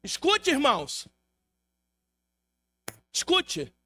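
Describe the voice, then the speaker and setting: Um pastor brasileiro pregando um testemunho em estilo de sermão numa igreja, contando a história com vivacidade e imitando as vozes de outras pessoas. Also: male voice, very high-pitched, drawn-out words. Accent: Brazilian Portuguese. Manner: lively storytelling, acts out quoted voices. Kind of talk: sermon testimony. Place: church hall.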